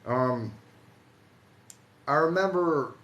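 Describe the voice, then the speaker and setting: This Ohio man in his forties has a fairly high-pitched voice and an American accent. As host of a paranormal live stream, he tells stories to viewers casually, haltingly and conversationally, often repeating himself. The audio is echoey, with light background noise.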